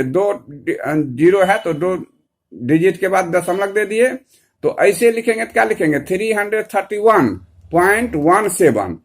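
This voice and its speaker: A male teacher explains a math lesson in a high, gravelly voice. He repeats fillers often and draws numbers out slowly as he works through each example. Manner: repetitive, filler-heavy, slow drawn-out numbers.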